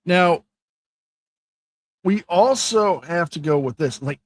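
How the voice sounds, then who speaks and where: A man co-hosting a podcast in casual chat, excitable, swearing and stumbling over names. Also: high voice, slow pace. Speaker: podcast co-host.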